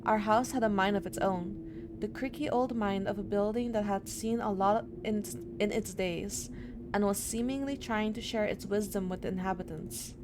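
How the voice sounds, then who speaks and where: A woman streamer plays a horror visual novel, giving casual let's-play commentary and reading the game text aloud while sounding a bit under the weather. Her voice is mid-range at a normal speed, with background noise present.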